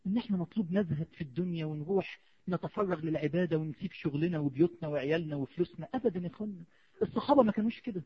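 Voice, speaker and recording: A man with an Egyptian Arabic accent preaching a sermon, impassioned, moving between hushed pleading and rising exhortation. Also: high voice, slightly rough. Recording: dull lo-fi recording.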